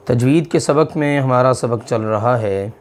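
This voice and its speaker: An older man teaching a recitation lesson, slowly repeating example syllables one by one. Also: mid-range voice. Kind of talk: classroom lesson.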